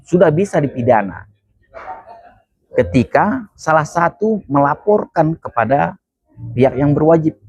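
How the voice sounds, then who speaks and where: A man's voice: medium pitch, darkish tone, no echo, lo-fi sound. A man answers interview questions as a legal expert, explaining points emphatically and repeating key phrases. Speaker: criminal law expert.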